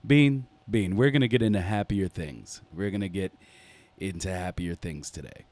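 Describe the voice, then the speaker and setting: Man, deep smooth magnetic low voice, native English speaker, casual chat host, informal, dry sound. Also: moderate pace, darkish tone, no echo. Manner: informal, familiar, addresses others as man and bro.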